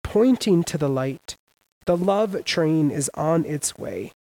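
Higher-voiced man preaching with sudden emphasis. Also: animated, slow pace, rough recording. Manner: emphatic, with sudden loud rises and casual slang. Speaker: pastor. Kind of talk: sermon.

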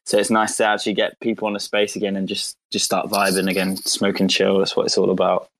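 A man's voice: low voice, monotone, quick pace, a bit bright, no echo, poor audio. A man casually hosting an online audio chat in a chatty, laid-back way. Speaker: host.

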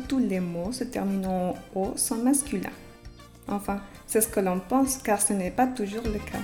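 A Spanish teacher hosts a podcast language lesson in a mellow, mid-range voice. She explains slowly and carefully, repeating example words for her learners.

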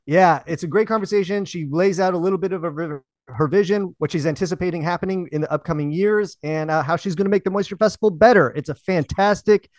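A man's voice: high voice, quick pace, few pauses, a little mellow, dry recording. A man hosting a podcast, chatty and upbeat. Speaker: podcast host. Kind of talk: casual podcast chat.

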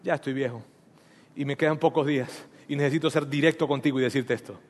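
A preacher voicing an old apostle who speaks bluntly and directly, in a sermon. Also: male voice, mid-range voice, fairly even intonation, fast, close to an everyday voice. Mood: earnest. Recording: long hall reverb.

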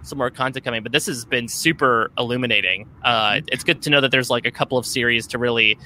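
A man's voice: mid-range voice, fast, pushed and bright, slight background noise, poor audio. A man appearing as a podcast guest in casual chat, curious and asking follow-up questions.

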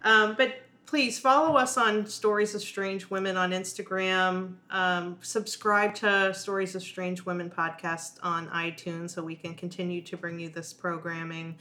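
Low-ish female podcast host, encouraging. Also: fairly even intonation, a little slow, few pauses. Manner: warm, encouraging interviewer with frequent backchannels. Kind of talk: casual podcast interview. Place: small hotel room.

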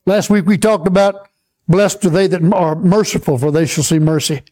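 A man preaching a sermon, teaching slowly and checking in with the congregation as he goes. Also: high voice, steady tone, darkish tone. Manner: slow, repetitive, checks in with the congregation. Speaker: pastor.

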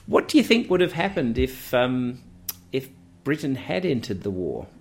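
A man co-hosting a radio show, interviewing a guest in a casual, halting way with many fillers. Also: medium pitch, big pitch swings, husky. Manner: hesitant, many fillers and restarts.

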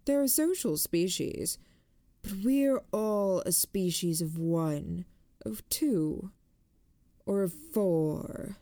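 A detached, deadly woman speaks at a slow, unhurried pace, as an audiobook narrator voices her. Her voice sits low and the recording is close and dry. She sounds like she is lecturing. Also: mellow, no room sound. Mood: cold, detached. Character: cold calm deadly woman, a killer. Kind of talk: audiobook reading.

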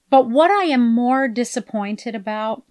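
Slow-paced woman hosting a podcast. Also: fairly high pitch, darkish tone. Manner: candid and self-deprecating, laughing at herself. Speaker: podcast host. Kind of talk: reflective solo podcast monologue.

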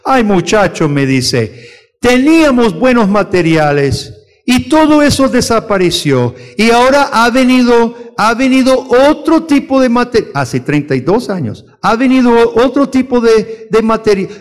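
Earnest high-voiced man teaching in a hall. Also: big pitch swings. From United States. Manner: earnest, rises to forceful urgency when preaching; halting restarts and fillers. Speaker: missionary teacher. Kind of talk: church lecture with questions.

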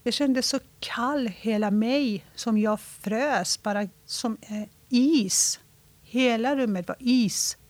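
A woman from Iran telling a personal story in an interview, reflective and halting, slowing down when she talks about her feelings. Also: on the high side, no room sound.

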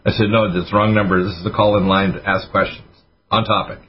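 Fast-talking man on radio with lo-fi sound. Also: low voice, level tone. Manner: rapid, hyper delivery. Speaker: radio show host, doctor giving health advice. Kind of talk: casual radio call-in talk. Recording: dull lo-fi radio audio with faint hiss.

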